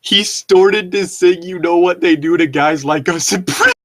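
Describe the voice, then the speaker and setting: A man with a high-pitched, slightly bright voice co-hosts a comic reading of bad fan fiction at normal speed. He's amused and mocking, breaks into chuckles, and adds casual sweary commentary.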